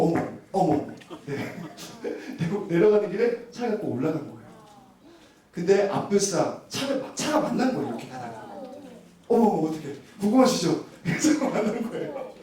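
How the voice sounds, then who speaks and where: A man in his thirties, a pastor, telling a personal story in a sermon and acting out the voices in it. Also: high voice. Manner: animated storytelling, acts out quoted voices, chuckles often. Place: church sanctuary. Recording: roomy church hall, voice from a distance.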